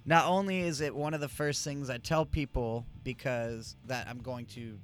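A man's voice: medium pitch, steady tone, normal speed. Male co-host, loose, profane and meandering; faint music underneath. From Arizona, USA. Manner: profane, rambling, loses his train of thought. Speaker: podcast co-host. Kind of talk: casual chat.

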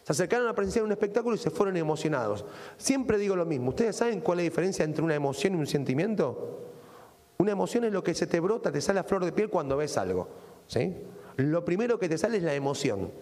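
A middle-aged man with an Argentine accent delivers a sermon in a fairly high, sharply rising and falling voice. He keeps pulling his listeners in with little rhetorical questions. A long hall reverb trails after his words. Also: very animated, quick pace, darkish tone. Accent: Argentine Spanish. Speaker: pastor.

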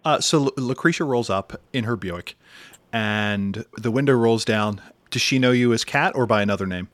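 A man's voice: medium pitch, moderate pace, fairly bright tone, no room sound. A man narrating a tabletop game as game master in a descriptive, thoughtful way. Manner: descriptive, thoughtful, with frequent fillers.

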